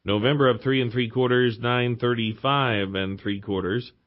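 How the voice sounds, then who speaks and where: A man's voice: mid-range voice, fairly even intonation, moderate pace, highs cut off. A male farm radio host reading stock and commodity prices in a clipped, rhythmic recital of figures. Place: radio broadcast.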